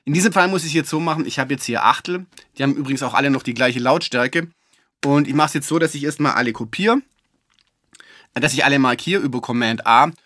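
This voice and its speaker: A man giving a relaxed, chatty music-software tutorial, with fillers and self-corrections. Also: mid-range voice, fast talker, no room sound, clean studio sound. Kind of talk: screen-recorded software tutorial.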